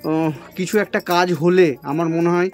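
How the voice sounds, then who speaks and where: Man, soft and consoling interviewer, slightly higher voice, faint music bed. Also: fairly even intonation, measured pace. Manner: gentle, consoling, questioning. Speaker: social work vlogger interviewing a needy family. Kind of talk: casual interview.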